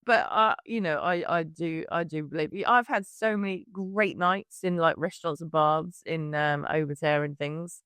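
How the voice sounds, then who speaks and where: Chatty woman podcast host, a bit low, rambles on, dry close sound. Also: normal speed, hardly any pauses, fairly bright tone, clean tone, no echo. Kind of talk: casual chat.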